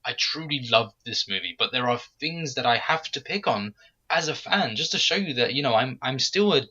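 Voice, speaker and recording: A man hosting a casual fan podcast, talking in an animated, critical way and jumping high when he acts out quotes. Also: fairly quick, slightly rough, muffled recording. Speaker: podcast host.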